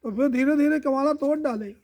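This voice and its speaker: A man telling a devotional folk tale in a lively oral style, repeating sound words. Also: very high voice, fast. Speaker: storyteller.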